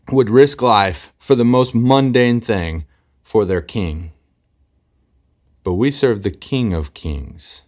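A man's voice: on the low side, darkish tone. A man in his thirties preaching a sermon as a pastor, earnestly acting out quoted voices.

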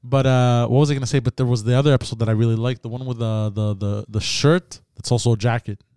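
A man's voice: mid-range voice, steady tone, fast, warm tone, smooth, no echo, clean studio sound. A man chatting casually as a podcast co-host, with teasing, sweary banter. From Quebec, Canada. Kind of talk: casual chat. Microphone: podcast mic with headphones.

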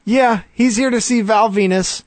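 A podcast co-host recaps a wrestling show in a chatty manner, laughing easily and using lots of fillers. He has a high voice at normal speed, and the recording is dry.

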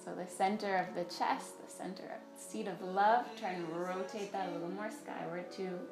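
A woman's voice: fairly low pitch, fairly even intonation, normal speed. Woman leading yoga in an echoey room. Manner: directive step-by-step cueing with breath counts. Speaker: yoga teacher. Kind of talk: guided yoga class instruction. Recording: roomy echo, faint music behind.

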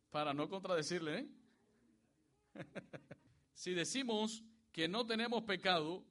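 High-voiced male preacher, rising cadence. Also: fairly bright tone. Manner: preacher's cadence, calls for congregation to repeat words; rises in pitch and volume when quoting scripture. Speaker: pastor. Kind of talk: sermon.

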